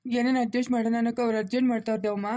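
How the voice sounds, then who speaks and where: A woman voicing a poor, worried old village grandfather, speaking gently and repetitively, with a rural Karnataka Kannada accent. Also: fairly high pitch, steady tone, racing, no echo, close to an everyday voice. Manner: gentle, soothing, repetitive pleading.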